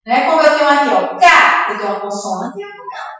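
A Brazilian schoolteacher, a woman with a fairly high voice, stretches out each word and claps through its syllables in a slow sing-song lesson for small children. She stands well back from the mic, and her voice rings around a bare, reverberant room. The recording has a dull, lo-fi edge. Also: big pitch swings, pushed and bright. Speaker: first-grade teacher. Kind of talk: remote reading lesson for young children. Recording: echoey room, far from the mic, dull lo-fi sound.

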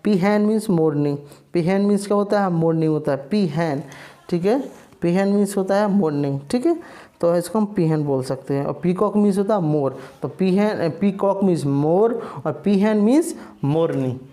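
A man's voice: high voice, lively intonation, normal speed, dark tone. A man teaching an online lesson on bird names, repeating himself and asking viewers questions, then answering them himself. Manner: mixes English words into his talk.

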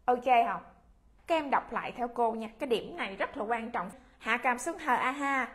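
A woman English teacher from Vietnam giving a children's lesson, modeling phrases in a drawn-out way. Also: on the high side, expressive, a bit bright. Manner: slow, drawn-out model pronunciation.

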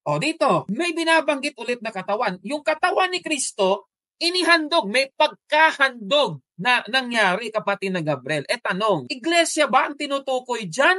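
Bright, dry-voiced woman hosting commentary. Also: high voice, normal speed, dry recording. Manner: animated, exclaims and asks rhetorical questions. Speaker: host of a religious apologetics stream. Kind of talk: casual live commentary on a video. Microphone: video call.

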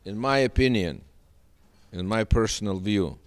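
Seated on a studio sofa set with a handheld mic, a boxing manager with a deep voice and Russian as his first language talks expressively at a moderate pace. He comes across as earnest and emphatic and tends to repeat phrases.

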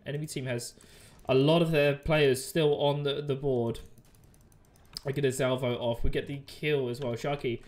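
A man doing live gameplay commentary as a streamer, chatty and excitable, swearing often. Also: medium pitch, normal speed. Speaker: game streamer.

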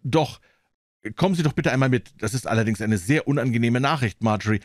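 A man playing an earnest young gentleman who asks anxious questions. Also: mid-range voice, fairly quick, no room sound, studio quality, close to an everyday voice.

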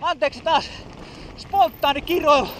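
A high-voiced man talks his way down a bike trail in casual running commentary, full of breathless exclamations and self-mocking asides. Loud wind noise roars over the camera mic outdoors. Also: rough recording. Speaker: mountain biker filming his ride.

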